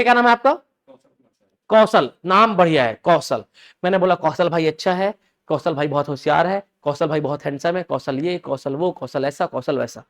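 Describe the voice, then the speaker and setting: एक पुरुष शिक्षक कक्षा में हिंदी और अंग्रेज़ी मिलाकर व्याकरण पढ़ाता है। वह बार-बार छात्रों से सवाल पूछता है कि वे समझ रहे हैं या नहीं, और ज़रूरी बातें दोहराता है।. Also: male voice, high voice. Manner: keeps asking the class questions and checking they follow; repeats key phrases and examples for drilling. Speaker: English teacher. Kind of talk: live classroom lecture in Hindi mixed with English. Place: classroom with students.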